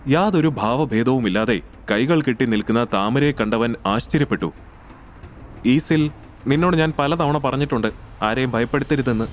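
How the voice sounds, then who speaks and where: Brief: male storyteller, even and measured, mid-range voice. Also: medium pitch. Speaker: narrator. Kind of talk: scripted audiobook narration.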